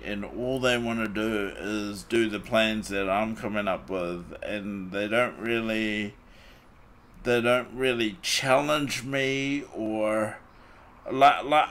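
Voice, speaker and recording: Slow, rambling male podcast host. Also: lowish voice, fairly bright tone, slight background noise. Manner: rambling, many "like" fillers and restarts. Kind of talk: casual podcast chat. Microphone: desktop mic on a voice call.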